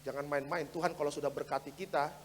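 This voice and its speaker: A man preaching a sermon as pastor, fervent and direct with his congregation, switching between loud exhortation and quiet asides. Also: fairly high pitch, fairly even intonation, quick pace, slight background noise. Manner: repeats phrases and addresses the congregation directly. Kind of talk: sermon for an online Sunday service. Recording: long hall reverb.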